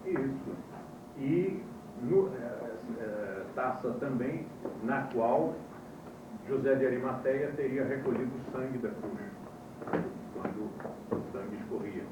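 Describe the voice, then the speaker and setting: A man teaches a classroom course, quizzing his students and telling wry stories, captured on an old VHS tape from a distance. The recording is muffled, echoey and noisy. He speaks slowly, and his voice sits at a medium pitch.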